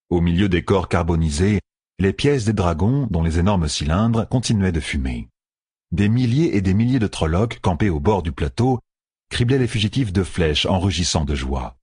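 Male audiobook narrator, very deep, husky, dry close recording, expressive reading. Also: no echo. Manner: expressive storytelling. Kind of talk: scripted narration.

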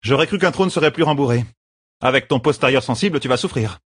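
A man's voice: medium pitch, lively intonation, quick pace, slightly rough, no echo, clean studio sound, voice pushed up. A man voicing a blunt, teasing woman bodyguard. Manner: frank and mocking. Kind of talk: audiobook narration.

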